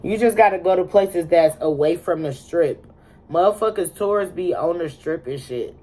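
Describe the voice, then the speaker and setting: The recording is rough, but the host's low, warm voice comes through at a normal speed. She's a woman in her twenties chatting casually and bluntly, swearing liberally and leaning on slang.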